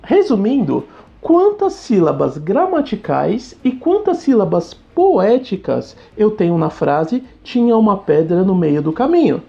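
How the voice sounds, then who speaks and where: A woman teacher with a Brazilian Portuguese accent, giving a recorded lesson that she explains step by step while asking the class quick questions. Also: mid-range voice, very animated, creaky, warm tone. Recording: slightly dull recording with faint music.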